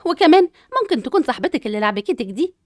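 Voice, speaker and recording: A woman's voice: sits high, sing-song, rapid-fire, dry recording, clean studio sound. Woman as a bubbly Egyptian mom. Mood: cheerful. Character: cheerful doting mother, excitable.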